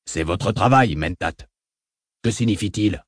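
A man's voice: on the low side, lively intonation, a little mellow, husky, no room sound, studio quality. A man voicing a cold scheming baron. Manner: cold, measured and curt. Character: cold, scheming, menacing older male baron. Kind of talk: audiobook reading.

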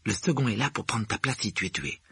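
Brief: male narrator as a casual boy sidekick, lively, breathy, dry. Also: on the low side, a little fast, no echo, pitched above the performer's own voice, exaggerated voice. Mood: offhand. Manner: offhand. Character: offhand schoolboy friend.

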